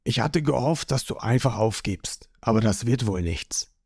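Man doing a cold, quiet pirate fighter. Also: animated, moderate pace, vocal fry, breathy edge, no echo, studio quality. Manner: low, quiet, menacing. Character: cold, grim young male pirate fighter.

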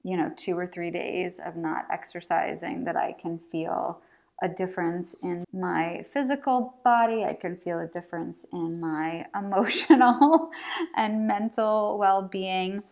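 A woman's voice: lowish voice, a little slow, a little mellow. A middle-aged woman hosting a casual solo podcast from a bathroom, talking in an encouraging, reassuring way. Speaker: podcast host. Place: recording in a bathroom at home. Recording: bathroom recording.

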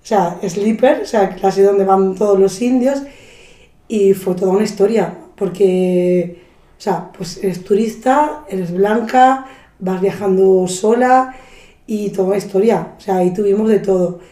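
A woman from tells travel stories in a casual chat, slipping into the voices of the people she quotes and swearing freely. Her voice is mellow and warm, and the echoey room adds a roomy ring to it. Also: mid-range voice, unhurried. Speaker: podcast guest. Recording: roomy echo.

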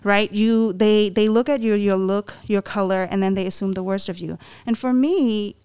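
A woman from Myanmar in her twenties, a panel guest telling a personal story in an earnest, halting way with many restarts. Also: mid-range voice, steady tone, darkish tone, smooth.

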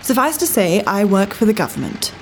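A British actress plays a cool, worldly 1930s government agent in a full-cast audio drama, sounding genteel, dry, arch and coolly detached. Her mid-range voice is very animated and brisk, with a little hiss or hum in the background.

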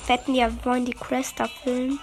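A woman playing a video game with a friend, chatting casually and bursting into excited shouts. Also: high-pitched, moderate pace, poor audio. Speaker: gamer. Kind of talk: excited gaming commentary. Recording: game music behind.

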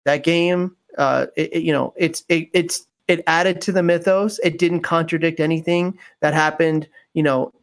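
Rambling man, slightly higher voice. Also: steady tone, moderate pace, few pauses. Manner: rambling, full of fillers and restarts. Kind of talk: casual chat about video games.

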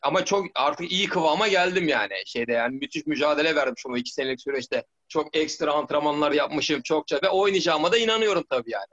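A man's voice: on the high side, fast talker, few pauses, fairly bright tone, dull audio. A middle-aged man, a former footballer, telling stories in a rambling way, with many restarts and "tamam mı?" checks. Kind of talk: casual storytelling interview.

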